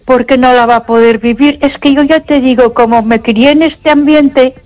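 An older woman from Barcelona, a radio caller in a casual phone-in, has a high, slightly mellow voice with fairly even intonation and a moderate pace. The recording is dry; she is emphatic, repetitive and full of "ay" interjections.

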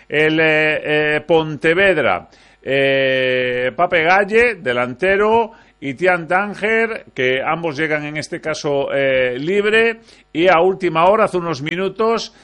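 A man's voice: fairly high pitch, slow pace, a bit bright, clean tone. A man presenting a sports news bulletin, with frequent fillers and restarts as he reads out names.

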